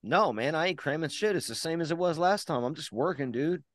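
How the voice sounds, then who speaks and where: A man's voice: a little high, animated, brisk, no room sound. A man hosting a podcast over a video call, talking in a profane, boisterous, bragging way. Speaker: podcast host. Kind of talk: casual chat.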